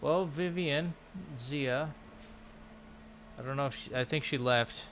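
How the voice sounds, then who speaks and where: A man's voice: mid-range voice, slow, a bit bright, a little hiss or hum. A man chatting casually on a livestream as he works through language lessons, thinking aloud with many restarts. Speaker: language-learning vlogger. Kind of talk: casual livestream chat while doing lessons.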